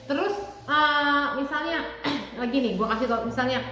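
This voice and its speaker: Chatty high-voiced woman. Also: normal speed, a little hiss or hum. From Indonesia. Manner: chatty, animated, acts out her husband's lines. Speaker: vlogger. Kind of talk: casual relationship advice vlog. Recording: very echoey room with faint music.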